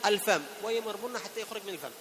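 A man with a fairly high voice teaching the rules of Quran recitation in a hall with long reverberation. He asks his students questions patiently and slowly demonstrates the pronunciation of words. A faint hiss lingers in the recording. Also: a bit bright. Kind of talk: tajweed lesson to a class.

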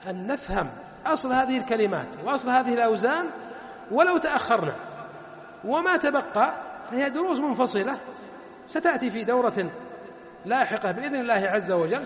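A man gives a classroom lesson in a very high voice, spelling out forms one by one and answering his own questions. His voice rings around a roomy space with a long trailing reverb. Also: expressive, a bit bright. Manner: repeats words slowly, asks and answers his own questions. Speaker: teacher of Arabic morphology. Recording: echoey room with long reverb.

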